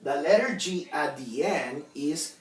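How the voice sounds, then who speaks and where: A male phonics teacher talks very slowly and stretches out single letter sounds, repeating each one. He often checks in with a questioning "okay?" and moves between languages as he explains. He is recorded from a distance in a roomy space with faint noise in the background. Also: fairly high pitch, lively intonation. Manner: switches between English and Spanish to explain.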